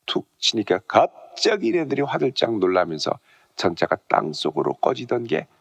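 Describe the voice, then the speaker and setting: A middle-aged male pastor delivers a dawn sermon in a voice with a gravelly edge. His pitch swings widely as he preaches. He often falls to hushed, whispered asides between stronger phrases. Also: very animated, normal speed, dull audio. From South Korea.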